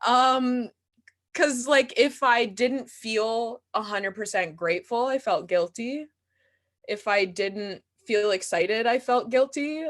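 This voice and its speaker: A young woman, an actor and playwright, answers questions in a casual conversational Q&A, candid, giggly and self-deprecating. Her voice is a little high and she takes it slowly.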